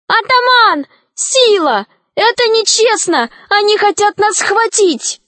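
A woman's voice: very high-pitched, expressive, slow pace, pushed and bright, no room sound, voice pushed up, heavily acted. A woman doing a plucky young girl. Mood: crying out. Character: brave, indignant little girl.

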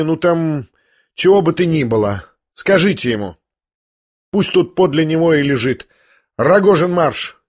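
A man reading an audiobook voices a proud, reckless young woman who gives orders and defies everyone. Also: a little high. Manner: imperious, defiant.

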